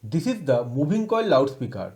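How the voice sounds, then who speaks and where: With a warm, medium-pitched, sing-song voice at normal speed, an Indian-accented lecturer gives an electronics lesson. The delivery is formal and scripted, recited like a textbook as an educational presentation.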